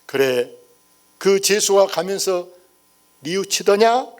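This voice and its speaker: A man voicing a stern, wise old king who speaks in slow, grave, measured pronouncements. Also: high voice, animated.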